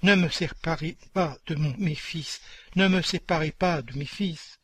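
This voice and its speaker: A man's voice: fairly high pitch, measured pace, a bit bright, breathy edge, no room sound. A man doing a sobbing, desperate young mother. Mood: pleading. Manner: sobbing, begging.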